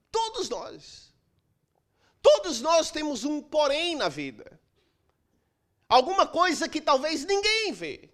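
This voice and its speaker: A middle-aged man preaching a sermon as pastor, emphatic, with dramatic pauses and swings from loud to soft. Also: extremely high pitch. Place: church.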